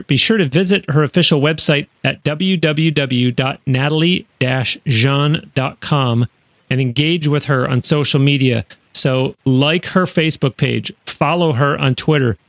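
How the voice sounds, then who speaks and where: A man hosts a radio interview show and closes the episode in a chatty way, with frequent fillers and restarts. His voice sits a little high for a man. It was recorded dry and close in a studio. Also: no room sound.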